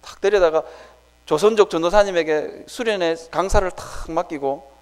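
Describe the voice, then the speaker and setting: A man preaching a sermon in a church sanctuary, telling his story in an animated way and acting out his own prayers. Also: high-pitched, normal speed, clear, resonant tone. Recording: reverberant church hall.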